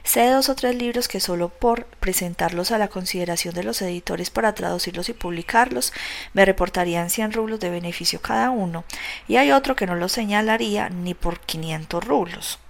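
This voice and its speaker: A woman reading the lines of an eager young man who is pitching a publishing business to his friends. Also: a little fast, vocal fry, lightly acted. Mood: persuasive.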